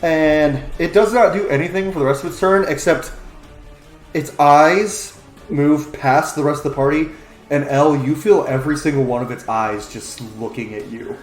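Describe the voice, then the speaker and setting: A man's voice: fairly high pitch, normal speed. A man narrating a tabletop role-playing game as the game master. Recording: roomy echo, faint music underneath. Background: faint background music.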